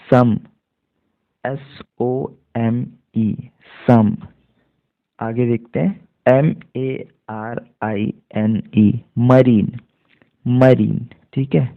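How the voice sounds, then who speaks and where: A man's voice: medium pitch, gravelly. A man teaching beginners to read English, spelling each word letter by letter and repeating the pronunciation. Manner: slow, spells words letter by letter and repeats them. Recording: tinny phone-like audio.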